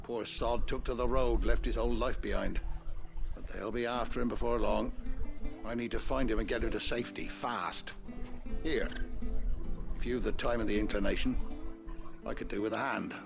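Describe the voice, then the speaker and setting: A man's voice: on the low side, steady tone, measured pace, vocal fry, pauses often. An actor playing an urgent, earnest townsman asking for help. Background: game music.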